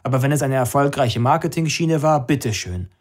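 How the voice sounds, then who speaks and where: A man reads a disapproving middle-aged father in an audiobook. He speaks bluntly and coldly, lecturing at an ordinary middle pitch. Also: expressive, brisk, close to an everyday voice. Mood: stern. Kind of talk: audiobook character reading.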